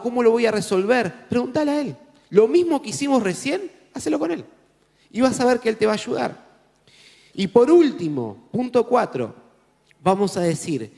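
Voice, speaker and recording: A man with a Rioplatense Spanish accent, preaching a sermon as pastor in an animated, conversational way with jokes. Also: sits high. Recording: echoey hall with faint music.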